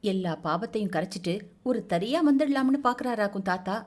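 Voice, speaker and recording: A woman's voice: mid-range voice, lively intonation, a little fast, natural voice. A woman voicing a short, half-mad grown man who talks like a child and babbles eagerly and insistently. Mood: eager babbling.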